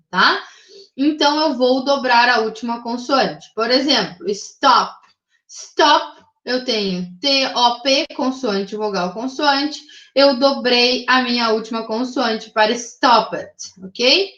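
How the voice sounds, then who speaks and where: A high-pitched woman with a Brazilian Portuguese accent walks her class through grammar rules step by step, patient and methodical, checking in every few phrases. Her voice sits in a roomy space, and the recording sounds slightly dull. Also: fairly bright tone. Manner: patient, methodical, checks in with frequent tag questions. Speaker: English teacher.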